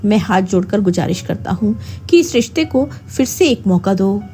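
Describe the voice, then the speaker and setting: A woman's voice: mid-range voice, lively intonation, moderate pace, mellow, faint music behind, natural voice. A woman voicing a weary, resigned older father who speaks reproachfully in a storybook tale. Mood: pleading.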